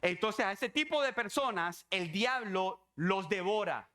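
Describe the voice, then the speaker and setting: A man's voice: sits high, expressive, measured pace, sharp tone. A man preaching a sermon as pastor, emphatic and repetitive, driving home his points with rhetorical questions.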